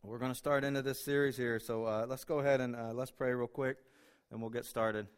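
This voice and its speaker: Emotional male pastor, clear voice. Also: mid-range voice, little pitch movement, fast talker. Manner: emotional, self-deprecating, with many fillers. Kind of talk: sermon. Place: church sanctuary.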